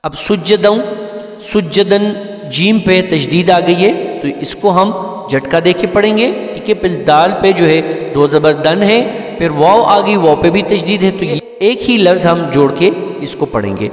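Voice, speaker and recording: High-voiced man teaching recitation, echoey. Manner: patient, explains letter by letter, often checks "okay?". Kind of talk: step-by-step recitation lesson. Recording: echoey room with long reverb, faint music.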